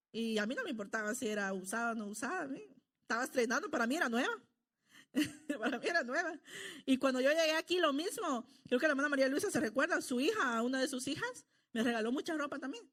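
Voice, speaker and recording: A woman's voice: sits high, fairly bright tone. A middle-aged woman from El Salvador, preaching a sermon in an earnest, conversational way and often checking in with her listeners. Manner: earnest, conversational, often adds tag questions.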